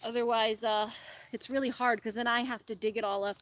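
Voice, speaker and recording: This animal channel host talks to her live audience in a rambling, "like"-filled way as she shovels compost in a farmyard garden, sounding stuffed up from allergies. Her fairly high, fairly bright voice moves fairly quickly with fairly even intonation. The poor recording carries a little hiss or hum.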